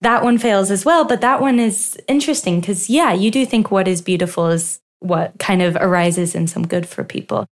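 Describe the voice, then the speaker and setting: A young woman, a doctoral researcher, giving articulate, animated answers in an interview. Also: medium pitch, moderate pace, few pauses. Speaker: guest, philosophy doctoral researcher.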